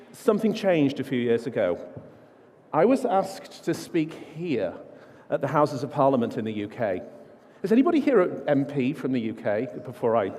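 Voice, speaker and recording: A man's voice: a little high, mellow. A man giving an informal, self-deprecating keynote talk full of stories at a large conference. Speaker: conference speaker. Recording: long hall reverb.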